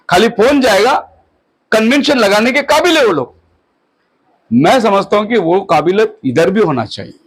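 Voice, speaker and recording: A high-pitched man in his fifties gives a sermon at a house prayer meeting. He exhorts his listeners steadily and stretches out the English phrases he slips in. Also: slightly rough, poor audio. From India. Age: 50s. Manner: exhorting, mixes English phrases and slows on them. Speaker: pastor.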